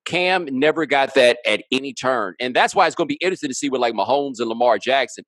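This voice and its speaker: A man's voice: mid-range voice, animated, fast talker, fairly bright tone, no room sound. A man talking as a guest on a casual sports podcast, emphatic and driving his points home with rhetorical questions.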